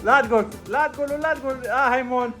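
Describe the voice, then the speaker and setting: A woman running a family game, giving brisk orders and often laughing. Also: high voice, fairly bright tone, faint music behind. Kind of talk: casual family game calling.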